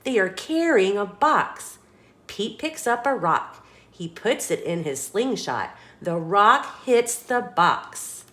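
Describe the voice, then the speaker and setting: A storytime host reads a children's picture book aloud, her delivery expressive and dramatic as she asks the young listeners questions. Her voice is medium in pitch, and she takes her time.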